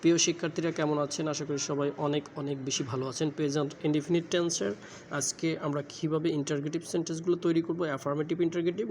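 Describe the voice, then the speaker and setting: A man's voice: fairly high pitch, a little mellow. A man teaching English to students, patiently repeating drill sentences and explaining them. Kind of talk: spoken English lesson. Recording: faint background noise.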